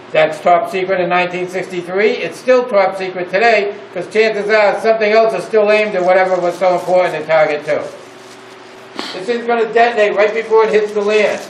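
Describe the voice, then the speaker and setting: An older man guiding visitors with emphatic storytelling in short phrases, his voice echoing inside a silo. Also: sits high. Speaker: tour guide. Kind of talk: guided tour narration to visitors. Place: echoing underground missile silo on a tour. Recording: echoing inside a silo, distant mic, faint noise.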